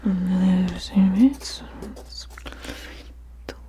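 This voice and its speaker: A woman in a whispered role-play, mumbling to herself in a breathy whisper with soft murmurs, hums and half-finished phrases that trail off. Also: medium pitch, slow pace. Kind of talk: whispered ASMR role-play of studying the listener and taking notes.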